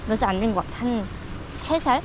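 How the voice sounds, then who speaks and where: A woman's voice: fairly high pitch, lively intonation, fairly quick, background noise. A woman talking to herself and to a dog in a casual monologue while walking it outdoors, with mock-scared squeals now and then. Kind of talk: casual self-talk monologue. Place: outdoors on a rural seaside road.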